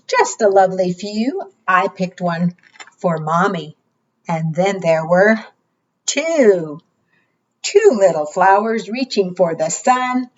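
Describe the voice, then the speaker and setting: Slow, lively woman, kids' show host. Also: medium pitch, highs cut off. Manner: kids' show host style, coaxing child listeners with questions. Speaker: children's storytime host. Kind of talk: preschool storytime read-aloud with rhymes and counting.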